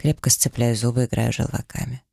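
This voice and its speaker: A man's voice: mid-range voice, flat delivery, fairly quick, gravelly, mellow, husky, no echo, clean studio sound. A man giving intense, brooding first-person audiobook narration.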